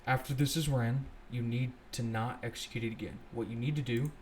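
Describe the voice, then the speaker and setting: Young man, coding tutorial host, casual, self-correcting, ordinary pitch, faint typing and background noise. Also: a little fast. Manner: relaxed, thinks aloud, self-correcting. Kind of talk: casual screen-recorded coding walkthrough.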